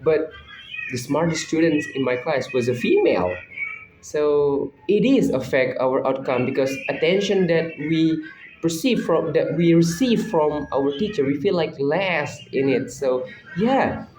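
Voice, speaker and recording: A man's voice: on the high side, lively intonation, measured pace, a little mellow, a little hiss or hum. A young man with an Indonesian accent casually answering assignment questions, reflective and often restarting his sentences. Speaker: student. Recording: roomy, slightly dull recording.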